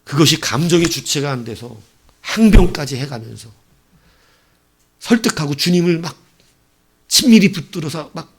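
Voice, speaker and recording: A male pastor preaching a sermon, telling the story with animated bursts as he acts out quoted lines. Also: fairly high pitch, moderate pace, long pauses, husky.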